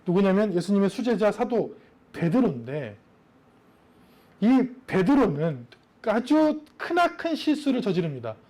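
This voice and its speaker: High-voiced male pastor preaching conversationally. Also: very animated, unhurried, mellow. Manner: conversational, asks listeners rhetorical questions; acts out quoted voices of the story. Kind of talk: sermon.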